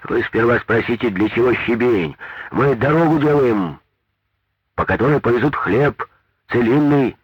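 A man's voice: medium pitch, animated, moderate pace, breathy edge, dry recording, voice pushed up. A man voicing a gray-haired road-works foreman who answers back defensively in a dull, dry, lo-fi recording.

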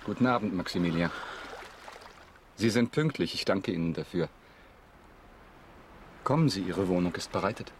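An actor playing a grave, courteous, mysterious count in a German radio drama, speaking formally and with measured solemnity. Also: male voice, deep voice, slight background noise, natural voice. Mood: calm, courteous. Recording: music behind the voice.

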